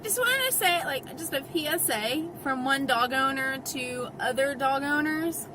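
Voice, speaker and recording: A woman vlogger rants casually to camera, exasperated and emphatic, acting out quoted voices and talking out of the side of her mouth because part of her face is numb. Her voice is high, her pace measured, and the background noisy.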